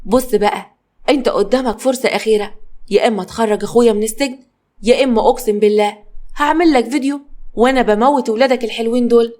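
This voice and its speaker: A woman's voice: on the high side, fast talker, darkish tone, close to an everyday voice. A woman with an Egyptian accent voicing a mocking male gangster who threatens over the phone. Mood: taunting. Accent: Egyptian Arabic.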